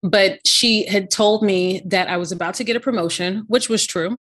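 A middle-aged woman and podcast co-host, telling a personal story in an animated, digressive way and often checking in with her listener. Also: mid-range voice, normal speed.

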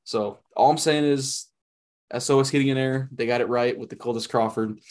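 A man's voice: mid-range voice, fairly even intonation, moderate pace, a little mellow. A man co-hosting a casual sports podcast, talking in an emphatic, hyped, joking way. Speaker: podcast co-host.

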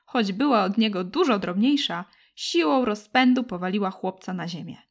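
A woman reading a children's story aloud with gentle, expressive narration. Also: mid-range voice, moderate pace. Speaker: audiobook narrator.

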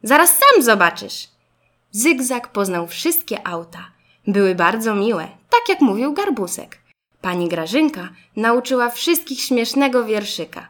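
A woman narrating a children's storybook in an expressive, lively way. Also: fairly high pitch, unhurried.

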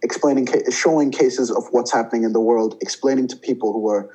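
A man's voice: mid-range voice, brisk, dark tone, rough recording. A young man from India, a student guest, talking thoughtfully with fillers and restarts. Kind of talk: casual interview talk.

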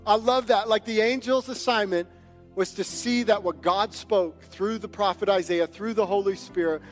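A man pastor preaching a sermon to his congregation, swelling loud for emphasis and then dropping soft. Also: high voice, steady tone, moderate pace, soft background music. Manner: impassioned preaching, rising and quieting for emphasis. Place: church sanctuary.

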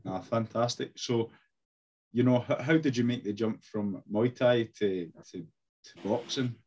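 A man's voice: medium pitch, unhurried, a little mellow, dull audio, slight background noise. A man hosting an interview, asking casual questions and giving short encouraging replies. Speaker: interview host.

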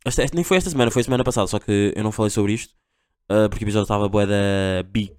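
A man's voice: lowish voice, rapid-fire, clear, resonant tone, no echo, studio quality. A young man with a Portugal accent hosting a casual solo podcast, rambling in slang with constant fillers. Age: young adult. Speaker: podcast host.

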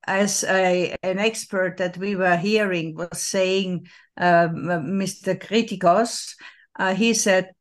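A woman speaking as a panelist in a live policy debate, halting and searching for her words. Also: mid-range voice.

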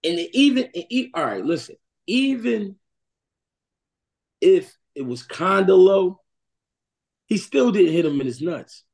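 Male guest, husky voice, plain conversational explaining. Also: high-pitched, big pitch swings, measured pace, pauses often, darkish tone. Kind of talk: casual interview chat.

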